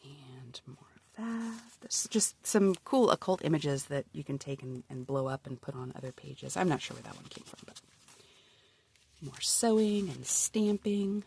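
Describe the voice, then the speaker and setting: A crafter with a cold, sniffly, chats casually while flipping through her handmade journal, bubbly and often dropping to a murmur. Her low voice is animated and a little mellow, with vocal fry, normal speed, and slight background noise.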